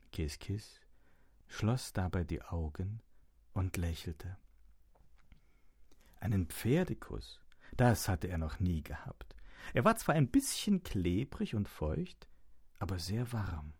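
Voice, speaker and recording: A man reading a children's story aloud in a slow, soft, expressive way. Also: low-pitched, breathy edge.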